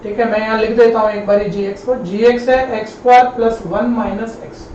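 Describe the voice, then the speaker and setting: A man's voice: sits high, level tone, brisk, a little mellow. A male maths teacher giving a live online lesson in a classroom, patient and repetitive, often calling his students kids and brother. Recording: roomy, distant, dull classroom sound with faint noise.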